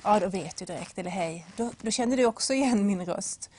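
A woman's voice: mid-range voice, a little mellow, dry recording. A woman giving a devotional talk that retells a Bible story, acting out the voices and speaking straight to the listener with simple examples. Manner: storytelling with acted-out voices and a whispered aside.

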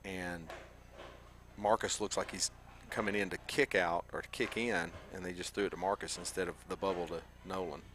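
Low-voiced male football analyst, stadium noise. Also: steady tone, normal speed, a bit bright. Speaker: football color commentator. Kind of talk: casual live sports analysis. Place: football stadium broadcast position. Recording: faintly noisy live stadium broadcast. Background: stadium ambience.

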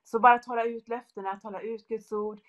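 A woman's voice: a little high, fairly even intonation, fairly bright tone, lo-fi sound. Brief: middle-aged woman, fervent devotional speaker, earnest and repetitive. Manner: earnest, repetitive, builds in lists.

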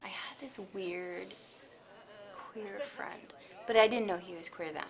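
A woman rambling in a breathy, half-whispered way. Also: medium pitch, measured pace. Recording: crowd chatter behind.

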